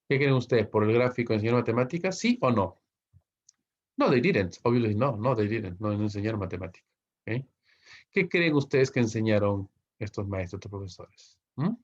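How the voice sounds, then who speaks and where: A fairly low-voiced man from Peru gives a recorded English grammar lesson in Spanish. He walks through each example, checks in with his students constantly and slows down to read the English sentences carefully. The recording sounds dull and lo-fi. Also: a little mellow. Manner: explains step by step, asks students questions and keeps checking with "¿ok?"; reads English example sentences slowly and clearly. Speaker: English teacher.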